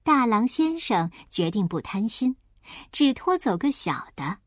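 A woman narrating a children's storybook aloud with lively, expressive storytelling. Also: on the high side, unhurried, no room sound, clean studio sound. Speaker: storybook reader.

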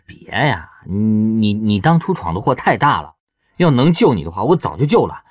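A man's voice: on the low side, big pitch swings, moderate pace. A man voicing a pushy, playful young man who teases and clings in an audiobook. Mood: teasing. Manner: teasing, giggly, clingy. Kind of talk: audiobook character voice.

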